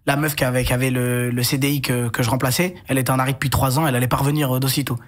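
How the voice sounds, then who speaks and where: A young man telling a long personal story in a casual chat as a guest, rushing through anecdotes with frequent restarts and asides. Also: medium pitch. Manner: rapid animated storytelling with many restarts and asides.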